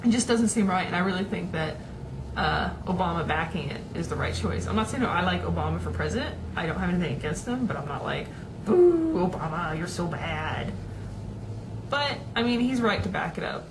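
A young woman chats loosely into a desk webcam from a small room at home, drifting between thoughts with plenty of fillers and restarts. Her voice sits slightly low for a woman. A clear hiss runs under the recording. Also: lively intonation, fairly quick. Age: young adult. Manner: rambling, chatty, many fillers and restarts. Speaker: vlogger. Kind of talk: casual webcam chat.

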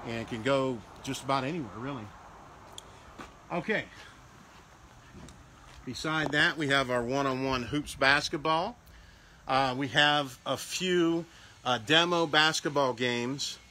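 This man works as a salesman for a game rental company and casually tours a sales display of party games, showing products as he walks and going back over prices and half-finished phrases. He speaks at a medium pitch with a sharp tone, and there's a little hiss or hum on the recording.

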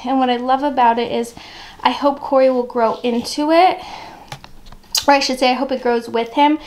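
A woman in her thirties giving a chatty, upbeat home tour, often laughing as she talks. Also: fairly high pitch. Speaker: mom vlogger. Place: house rooms indoors.

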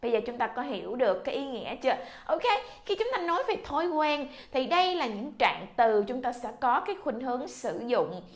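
Vietnamese lady teacher drilling english words, kinda high voice, repeats sounds a lot. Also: sing-song, brisk, few pauses. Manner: drills sounds with repetition, coaxing. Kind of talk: classroom pronunciation lesson.

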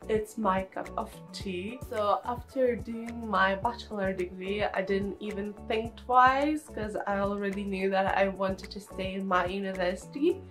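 A woman's voice: medium pitch, fairly even intonation, measured pace, hardly any pauses, fairly bright tone, soft background music, poor audio. A young woman from Lithuania with a Lithuanian accent, chatting casually to the camera about her studies, friendly, with many fillers and repeated words. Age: young adult. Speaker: international student. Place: small indoor room, seated on a sofa. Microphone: camera at close framing.

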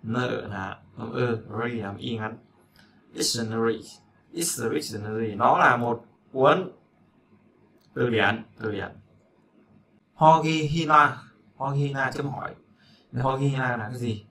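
Gravelly man teaching English. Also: mid-range voice, measured pace, long pauses, sharp tone, slight background noise. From Vietnam. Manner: chatty, repeats words, asks learners if they follow. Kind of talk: casual spoken lesson.

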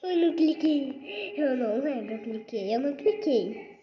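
A woman with a Brazilian Portuguese accent giving casual gameplay commentary, excitable and swearing casually as she talks to viewers. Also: sits high, normal speed, dull audio. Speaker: gaming YouTuber.

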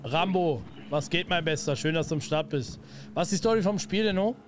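Young man, gaming streamer, excitable, slangy, slightly high voice, faint background noise. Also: a little fast. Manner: excitable, slangy, yelps at scares. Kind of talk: let's play commentary.

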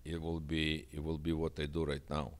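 Delivery completely flat and pace moderate, a deep-voiced boxing manager who first spoke Russian is interviewed seated on an indoor sofa set with a handheld mic. He's earnest and emphatic, often repeating phrases.

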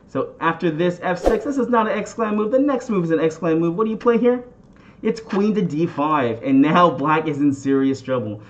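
Guy doing chess lesson commentary, kinda high voice, quizzes viewers, bit muffled audio. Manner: addresses viewers with questions and catchphrases. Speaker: chess instructor and channel host. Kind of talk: instructional game commentary.

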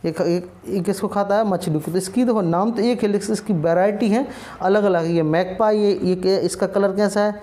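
A man's voice: high voice, fairly even intonation, moderate pace, dark tone. A man teaching an online lesson on bird names, repeating himself and asking viewers questions, then answering them himself. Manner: mixes English words into his talk.

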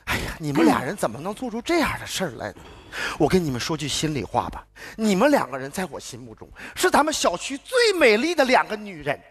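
A man's voice: high voice, wildly swooping pitch, fast talker. An actor playing an exasperated neighborhood man in a stage comedy sketch, with a Northeastern Mandarin accent, stammering and repeating himself. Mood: placating. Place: TV stage before a live audience. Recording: live stage with loud audience and noise.

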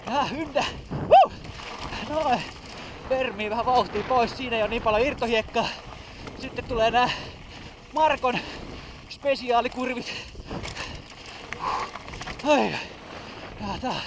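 A man's voice: very high-pitched, long pauses. A man giving a casual running commentary as he rides a mountain bike trail, with breathless exclamations, swearing and self-mocking remarks. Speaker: mountain biker filming his ride. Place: outdoor bike park trail. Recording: outdoor wind noise on camera mic.

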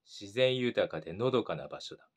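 A middle-aged man narrating a scripted ghost story in a deliberate, creepy storytelling manner with dramatic pauses. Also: on the low side, lively intonation. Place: small Japanese-style room indoors.

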